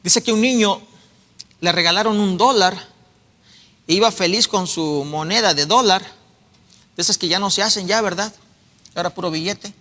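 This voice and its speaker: A man's voice: sits high, moderate pace, pauses often, pushed and bright. A middle-aged man preaching a sermon as pastor. He is earnest and tells stories to exhort his congregation, in an echoey church hall.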